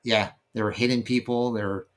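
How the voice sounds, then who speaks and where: A man's voice: mid-range voice, steady tone, fairly quick. A man co-hosting a podcast in casual chat, rambling and often stopping to search for words. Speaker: podcast co-host.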